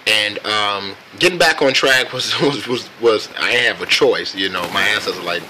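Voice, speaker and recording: An American man casually telling a personal story on camera in a reflective, laid-back and halting way. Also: on the low side, bright, forceful tone, slight background noise, low-quality recording. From United States. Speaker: vlogger.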